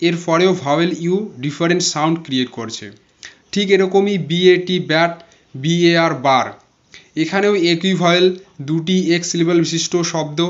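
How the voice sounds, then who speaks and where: Bengali-speaking male teacher, high voice, patient, repeats examples slowly, dull lo-fi sound. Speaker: English pronunciation teacher. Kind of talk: explaining pronunciation rules. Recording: dull lo-fi recording.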